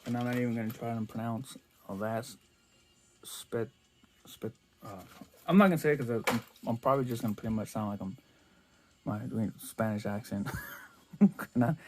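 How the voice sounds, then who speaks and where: A man's voice: mid-range voice, quick pace, a little hiss or hum. A man chatting casually as he unboxes toy cars for his vlog, rambling and restarting his sentences a lot. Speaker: toy car collector vlogger.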